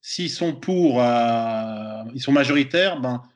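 Comedian guest, Swiss French man, hesitant, stumbling over words, mid pitch. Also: lively intonation, slow. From Switzerland. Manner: hesitant, many repeated words and fillers. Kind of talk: casual podcast chat.

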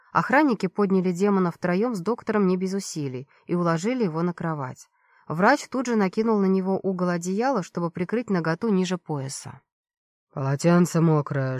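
A woman reading first-person fiction as an audiobook narrator, steady and expressive. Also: mid-range voice, no echo, clean studio sound.

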